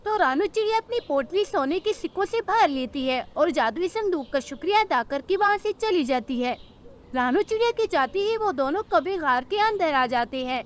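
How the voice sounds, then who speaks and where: A woman narrating a children's cartoon story in a plain, steady way. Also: extremely high pitch, normal speed, a little hiss or hum.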